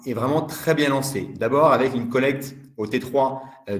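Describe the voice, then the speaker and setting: Man, webinar presenter, measured, explanatory, mid-pitched voice, reverberant room. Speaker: fund department director.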